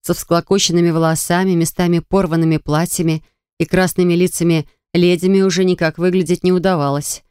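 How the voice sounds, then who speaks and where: A woman narrating a fantasy audiobook in the first person, with lively, expressive storytelling. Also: fairly low pitch, a little fast, smooth, dry recording, studio quality.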